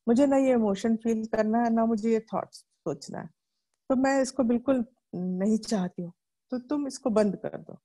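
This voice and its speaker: A woman's voice: a little high, normal speed, mellow. A middle-aged Indian woman explaining a self-help book to her viewers in a chatty way, asking and answering her own questions.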